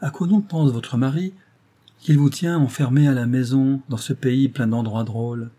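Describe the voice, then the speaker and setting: A man voicing a tipsy, boisterous young gentleman in an audiobook, loud and teasing. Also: medium pitch, moderate pace, voice pushed up, close to an everyday voice. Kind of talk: audiobook character voice.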